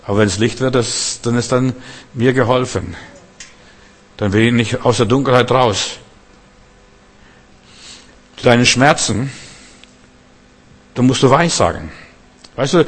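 A man preaching a sermon, swinging between loud proclamations and quiet, conversational asides. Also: medium pitch, a little slow, long pauses. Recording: long hall reverb.

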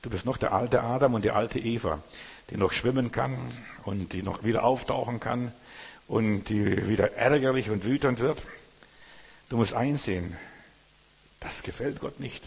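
A man's voice: medium pitch, normal speed. A man preaching a sermon in German, earnest and exhorting, speaking directly to his listeners. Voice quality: husky. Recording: reverberant hall.

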